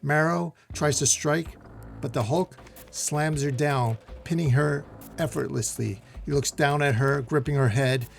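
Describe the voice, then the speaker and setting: Brief: gravelly male recap narrator, dramatic scripted read. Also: on the high side, unhurried. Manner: dramatic, addresses viewers as guys. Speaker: comic recap host. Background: faint music.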